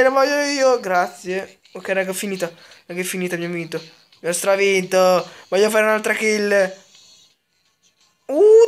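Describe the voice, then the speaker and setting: Hyped guy narrating his shooter match, swearing and spamming the same word, bit of music under it. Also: high-pitched. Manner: excitable, swears a lot, repeats words in rapid bursts. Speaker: gaming channel host. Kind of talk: live gameplay commentary.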